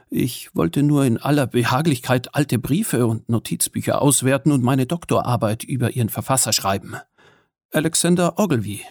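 A man with a gravelly, creaky voice tells a first-person story in a measured, wry way, with a small hesitation now and then. The sound is close and dry, with no room around it. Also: mid-range voice, a little mellow, no room sound. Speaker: audiobook narrator.

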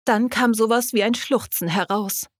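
A woman narrating an audiobook story in a calm, even way. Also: a little high, normal speed, no echo, clean studio sound. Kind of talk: scripted narration.

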